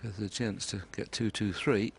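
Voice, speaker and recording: A man giving hushed, measured, understated live snooker commentary. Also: lowish voice, fairly even intonation, creaky. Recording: crowd noise, clicking balls, noisy broadcast. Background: snooker arena audience and ball clicks.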